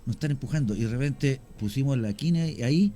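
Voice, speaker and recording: In a radio studio, a Chilean man who works as a cemetery tour guide and actor joins a casual conversation as a guest. He speaks Chilean Spanish in a mellow, medium-pitched voice at a brisk pace, telling stories animatedly with some hesitations.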